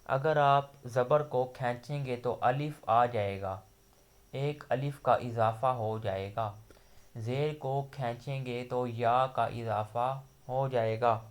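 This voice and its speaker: Male teacher, mid-range voice, patient lesson delivery, repeats sounds slowly for learners. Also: medium pitch, clean tone. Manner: patient, repeats letters slowly with drawn-out demonstration syllables. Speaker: Quran recitation teacher. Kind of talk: online tajweed lesson.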